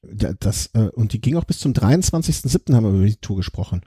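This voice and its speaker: Dark raspy guy hosting a chatty podcast, very dry close sound. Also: lowish voice, animated, quick pace, no room sound. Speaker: podcast host. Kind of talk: casual podcast chat.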